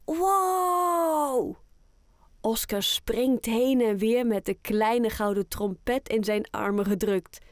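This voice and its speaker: A woman narrating a children's audiobook in a clear, gentle storytelling manner. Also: mid-range voice, fairly even intonation, unhurried, few pauses, no echo, studio quality.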